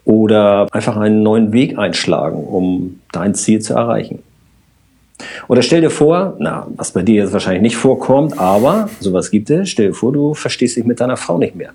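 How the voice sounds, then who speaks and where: A man, a systemic coach and podcast guest, explaining his work calmly with everyday examples. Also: lowish voice, normal speed, creaky, few pauses, breathy edge. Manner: explains with everyday examples, addresses host directly. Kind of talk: calm explanatory conversation.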